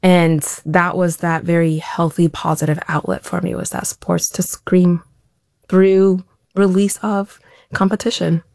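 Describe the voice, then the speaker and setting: A woman's voice: fairly low pitch, level tone, measured pace, vocal fry, a little mellow, dry recording, clean studio sound. A woman answering interview questions as an elite athlete guest, talking in a reflective, open way with frequent restarts.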